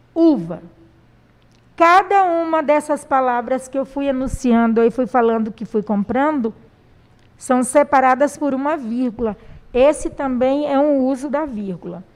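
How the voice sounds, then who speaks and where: A woman with a Brazilian Portuguese accent gives a primary school lesson. Her voice sits high, and she speaks slowly, pausing often and filling gaps as she explains step by step. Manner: slow, patient explaining with many pauses and fillers. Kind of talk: recorded classroom lesson.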